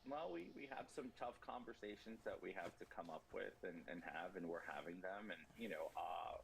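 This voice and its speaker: Guy in his 30s, low voice, halting + earnest, faint hiss behind him. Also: lively intonation, vocal fry, low-quality recording. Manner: halting, repeats words, earnest. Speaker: interview guest. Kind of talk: emotional interview answers.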